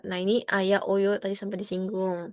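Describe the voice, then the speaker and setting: A woman's voice: fast, dry recording. A woman teaching an online class in a friendly, patient way, often acting out sample phrases with rising or falling tones. Her voice sits in a middle range. The sound is dry and close, with no room around it. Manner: friendly, explains patiently, addresses students as friends; acts out sample phrases with rising or flat pitch. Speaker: Korean language teacher.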